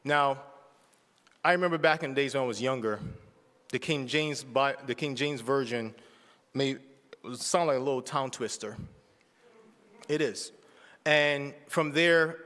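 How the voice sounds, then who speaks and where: His voice runs on the high side and a bit bright as he preaches casually in a church sanctuary. The forties-aged speaker keeps the sermon conversational, regularly checking in with listeners, with a long church-hall reverb.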